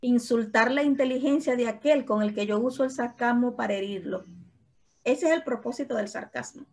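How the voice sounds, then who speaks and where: A woman's voice: on the high side, normal speed, a little mellow. A woman in the congregation reading a definition aloud for the pastor.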